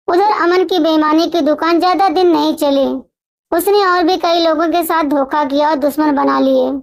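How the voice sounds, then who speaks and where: High-voiced woman telling a moral story. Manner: steady moral-tale telling. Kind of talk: scripted story narration.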